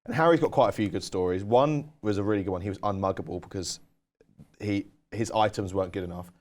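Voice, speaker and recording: A man's voice: on the low side, fast, darkish tone. A young man, co-hosting a podcast and telling rambling stories full of "like" and "um". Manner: rambling, filler-heavy storytelling with lots of "like" and "um". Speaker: podcast co-host. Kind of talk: casual storytelling chat.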